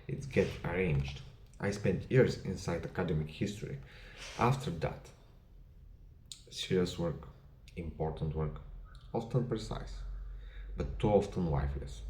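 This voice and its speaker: A man with a Bulgarian accent, a non-native English speaker, speaking to camera about his history channel in measured, deliberate short phrases with small grammar slips. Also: sits low, warm tone, reverberant. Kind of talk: personal address to camera.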